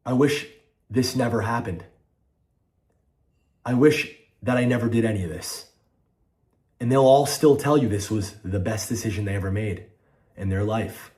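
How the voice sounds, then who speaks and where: A man's voice: fairly low pitch, moderate pace, pauses often, a little mellow. A man giving an impassioned, blunt personal monologue to viewers, emotional and aggrieved, with heavy casual swearing. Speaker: online content figure giving a personal statement.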